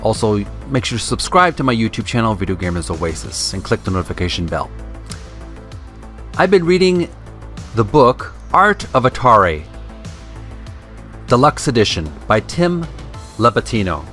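With music behind him, a man reads from a book for his channel and speaks politely to his audience, occasionally tripping over words and fixing them. He pitches his voice on the low side yet swings it widely, keeping a moderate pace and a fairly bright tone, and he takes long pauses.

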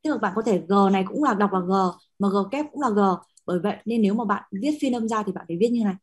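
A woman's voice: medium pitch, very fast, a little mellow, slightly rough. A young woman teacher, patiently explaining Latin spelling to a class, checking often that students follow. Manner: patient, explains with many fillers and checking questions. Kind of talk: classroom lesson.

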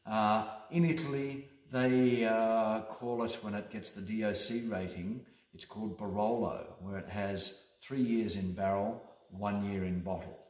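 A man's voice: on the low side, steady tone, measured pace, few pauses, darkish tone. A middle-aged man, a winemaker, leading a casual wine tasting with an enthusiastic, rambling delivery full of fillers. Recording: echoey room.

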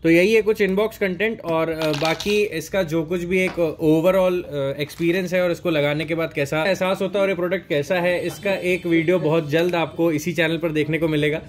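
Inside a store selling helmets and riding gear, a young adult man who reviews products there narrates an unboxing casually and explains as he goes, mixing English words into his speech. His voice is on the high side and steady, at a normal speed with hardly any pauses, and the store ambience makes for noticeable background noise.

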